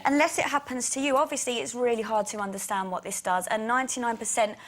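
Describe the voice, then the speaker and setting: A woman in her twenties, a guest on a TV chat show, talking quickly and animatedly, sometimes giggly. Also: a little high, a bit bright. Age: 20s. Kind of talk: casual TV chat show interview. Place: TV studio.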